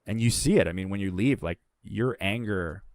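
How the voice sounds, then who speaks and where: In studio-quality, dry audio, a man with a lowish voice talks at a moderate pace. Appearing as a guest in an easygoing chat, he shares frank stories with lots of swearing, delivered bluntly and with animation.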